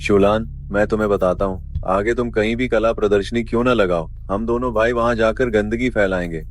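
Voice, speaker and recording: Dubbed drama: actor as a shameless younger brother, low-voiced, brash and taunting. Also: male voice, steady tone, fairly quick, slight background noise, natural voice. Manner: brash, mocking.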